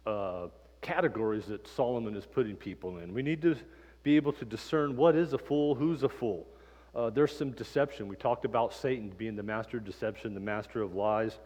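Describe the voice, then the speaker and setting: A man teaching a casual Bible class in a church, talking in a relaxed, conversational way with plenty of ums and uhs and personal stories. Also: mid-range voice. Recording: reverberant church room.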